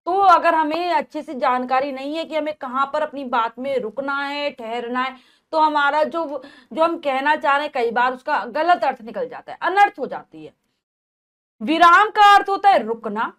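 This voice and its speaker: A woman's voice: high-pitched, lively intonation, normal speed, pushed and bright. A woman teacher explaining a grammar lesson to children, patiently repeating and rephrasing each point.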